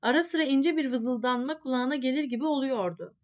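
A woman with a high voice narrates a literary story. Her reading is measured and expressive, carrying the scenes along steadily.

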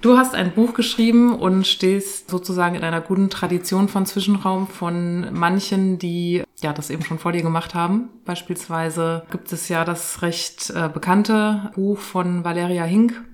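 Female podcast host, lower register, relaxed and friendly, home living-room setting. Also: normal speed, few pauses. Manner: relaxed, friendly, with frequent fillers and backchannel murmurs. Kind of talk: casual conversational interview.

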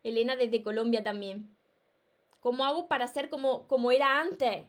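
A woman's voice: fairly high pitch, fairly even intonation, normal speed. A woman with a Peninsular Spanish accent who hosts a live stream as a self-help author, giving emphatic, encouraging advice and greeting viewers by name.

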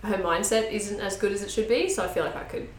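A woman's voice: medium pitch, fast. A woman co-hosting a casual chat, joking and blunt as she banters. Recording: echoey room, faint background noise.

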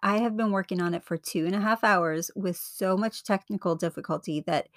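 A woman's voice: mid-range voice, fairly quick, no room sound. A woman podcast host speaking close and intimately, right up at the mic, in an earnest, encouraging devotional style. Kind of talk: devotional podcast talk and reading.

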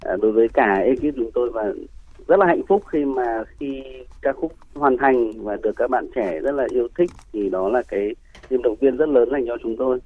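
A man answering as a radio interview guest, hesitant and pausing between phrases, over a narrow phone-like line. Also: medium pitch. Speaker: guest music producer and songwriter.

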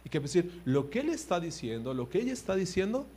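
A man preaching a sermon, animated, swinging between loud emphasis and quiet asides and putting direct questions to his listeners. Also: sits high, fairly quick, slight background noise.

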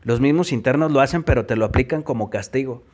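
A man's voice: medium pitch, quick pace, a little mellow. Profane Mexican man telling his story. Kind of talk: personal testimony.

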